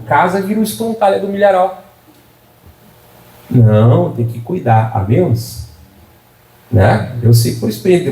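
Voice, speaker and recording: Joking preacher in an echoey church. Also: male voice, high voice, dark tone, recorded from a distance. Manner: humorous, folksy preaching with frequent call-and-response. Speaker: pastor. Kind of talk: sermon.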